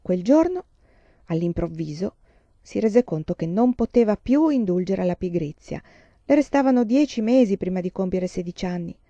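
A woman reads a storybook aloud in a calm, even way. Her voice is mellow and soft rather than bright. The recording is dry and dull, with a muffled top end. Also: mid-range voice, normal speed, no room sound. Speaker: reader. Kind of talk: storybook reading.

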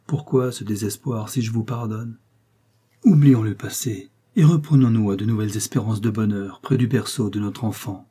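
A man's voice: fairly low pitch, moderate pace, warm tone, breathy edge. A pleading nobleman husband, read by a man. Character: middle-aged nobleman, gentle and pleading husband.

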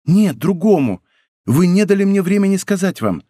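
A male narrator lifts his voice into a young maid in a storybook, gentle and given to sighs. Her lines rise and fall with feeling, recorded close and dry. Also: high-pitched, big pitch swings, normal speed, no room sound, pitched above the performer's own voice. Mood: alarmed.

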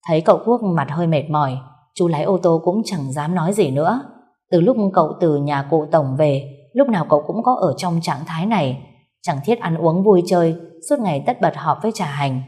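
A woman narrating a story in an even reading voice, giving the characters' lines a little more force. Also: low voice.

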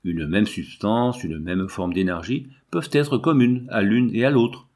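An earnest young scientist explains his ideas patiently, step by step, as a man reads him in an audiobook. The voice stays low and husky throughout. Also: unhurried, darkish tone. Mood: explaining.

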